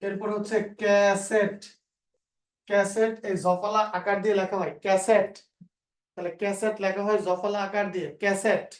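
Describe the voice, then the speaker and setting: A male teacher with a Bangladeshi Bengali accent, slowly dictating spelling rules and repeating example words. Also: sits high, level tone. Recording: echoey room, voice a bit far from the mic.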